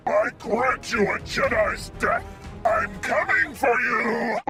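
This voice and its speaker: A man voicing a menacing male cyborg general with a rasping, hissing mechanical voice in a fan audio drama. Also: very high voice, wildly swooping pitch, takes it slowly, pushed and bright, soft background music, full character voice. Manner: snarling threats.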